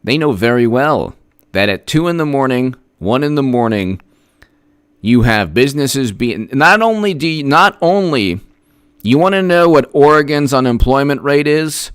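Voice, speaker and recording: A man's voice: mid-range voice, lively intonation, moderate pace, smooth, dry recording, clean studio sound. A man hosting a political commentary livestream, sarcastic and emphatic as he rattles off statistics and thanks viewers for their messages. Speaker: host.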